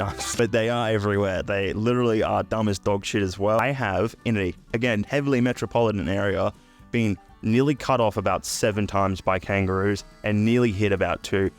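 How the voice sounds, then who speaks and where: Young man, sarcastic, crude jokes, fairly low voice, casual vlog. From UK, raised in Australia. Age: 20s. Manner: crude, sarcastic, swears freely. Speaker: YouTuber.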